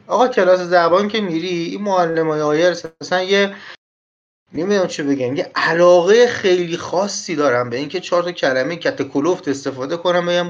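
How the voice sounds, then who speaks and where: A man's voice: sits high, highs cut off. A man giving a casual lesson as a tutor, talking in a chatty, direct way and repeating his points for emphasis. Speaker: IELTS speaking tutor.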